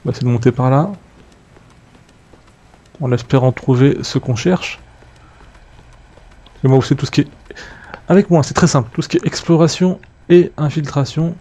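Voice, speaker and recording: A man's voice: mid-range voice, warm tone, highs cut off. A man casually commenting on his gameplay, chatting to viewers and muttering to himself. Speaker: let's play gamer.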